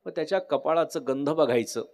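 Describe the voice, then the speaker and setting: A man voicing a patient, wise holy man who coaxes and gently persuades. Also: fairly high pitch, brisk, natural voice. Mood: coaxing.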